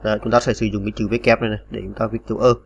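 Low gravelly man explaining step by step. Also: flat delivery, very fast, highs cut off. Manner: patient, step-by-step, filled with "đấy" and "à" fillers. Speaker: computer tutorial teacher. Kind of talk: screen-recorded typing tutorial.

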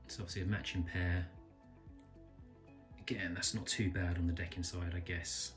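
A man calmly reviewing a small pocket knife, thinking aloud and correcting himself as he goes. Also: sits low, normal speed, faint music behind. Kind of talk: casual product review narration. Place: indoors at a table, filming hands close up.

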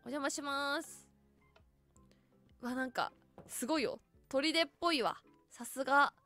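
A woman's voice: high-pitched, unhurried, bright, forceful tone, faint music behind. A voice actress giving chatty, casual commentary as she tours a game world and keeps exclaiming in delight.

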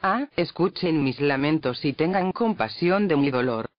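An old Pope mourns his scattered flock in a slow, plaintive voice, read aloud by a man. The pitch sits somewhat high. The sound is dull and lo-fi, with a close, dry feel. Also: animated, dry recording. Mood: lamenting. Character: lamenting aged male Pope, mournful.

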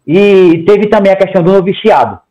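Over a video-call headset from his home, a man of about forty gives an interview, his high, warm voice moving fairly quickly. The highs in the audio are cut off. He speaks with emphasis in long runs, gestures heavily, and keeps repeating "tá?".

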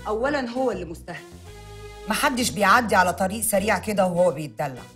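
Woman, quick, blunt and bossy egyptian young woman played by an actress, comedy series. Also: medium pitch, lively intonation, fairly bright tone, faint music behind, natural voice. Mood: defiant.

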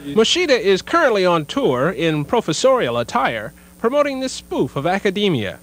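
A man narrating a television news feature as a reporter, in a measured broadcast delivery. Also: high-pitched, huge pitch swings.

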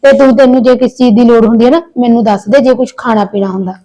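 A woman's voice: on the high side, fairly even intonation, quick pace, warm tone, lightly acted, low-quality recording. A woman playing a childless elder daughter-in-law who pours out her worries in earnest, pleading runs in a village short film. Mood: worried, caring. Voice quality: earnest, pleading, talks in long complaining runs. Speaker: elder sister-in-law in a family drama. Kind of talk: village short-film acting, heartfelt chat.

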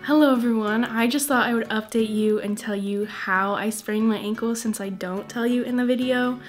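A woman's voice: fairly high pitch, moderate pace, faint music behind. A young woman chatting casually into her camera for a vlog, laughing now and then as she tells stories. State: sprained ankle. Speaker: vlogger. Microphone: action camera.

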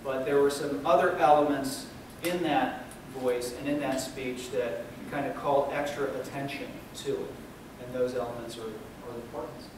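A male university lecturer explaining to students, checking in with "okay?" and pausing on fillers. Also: medium pitch, steady tone. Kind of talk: recorded classroom lecture. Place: lecture room. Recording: echoey room, distant mic, noisy.

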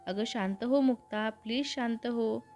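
A woman voicing a calming young friend in a storybook reading. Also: on the high side, unhurried, soft background music. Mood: soothing.

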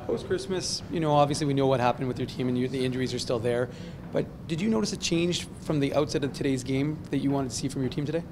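A male reporter fires off questions at a brisk pace, one clause running into the next. Clear background noise sits under his voice. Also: medium pitch. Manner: quick, running questions together. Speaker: sports reporter. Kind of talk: post-game press questions.

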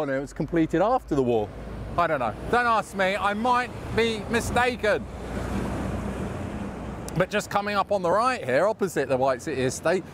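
A man with a London accent chats his way along a street walking tour. His voice is a touch high and swings up and down a lot. He rambles into self-mocking asides, with faint traffic noise around him outdoors. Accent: London English. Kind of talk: casual walking-tour chat.

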